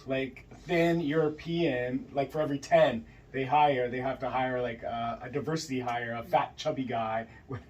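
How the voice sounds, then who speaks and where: At a friend's place, a podcast host conducts a relaxed interview, cracking jokes loudly and leaning heavily on fillers, especially "yeah." His medium-pitched voice holds a steady tone at normal speed with few pauses. He's far from the mic, and there's a little hiss or hum.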